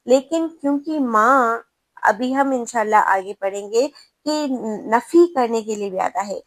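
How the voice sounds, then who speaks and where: A woman's voice: fairly high pitch, fairly bright tone, dry recording. Patient woman teaching grammar, Urdu accent. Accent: Pakistani Urdu. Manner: patient, repeats examples slowly. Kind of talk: explaining lesson with examples.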